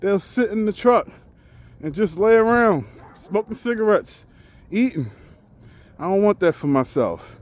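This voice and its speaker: A man's voice: high voice, expressive, unhurried, pauses often. A truck driver in his forties, talking candidly and reflectively in a casual vlog while out on a walk, often restarting his sentences as he thinks aloud. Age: 40s.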